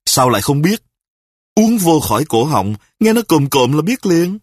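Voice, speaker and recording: A man playing a sick, petty husband who scolds his wife in rapid-fire accusations in a spoken story. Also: a little high, big pitch swings, breathy edge, no echo, studio quality. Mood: grumbling. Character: sick, petty, quarrelsome husband, self-righteous.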